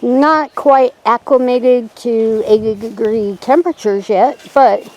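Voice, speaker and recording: A woman's voice: fairly high pitch, slow pace, a little mellow, poor audio. A woman hosting a casual garden tour outdoors, chatty and homespun, a little out of breath as she walks. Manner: chatty, homespun, says "yeah" a lot. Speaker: channel host. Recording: faint outdoor noise and wind.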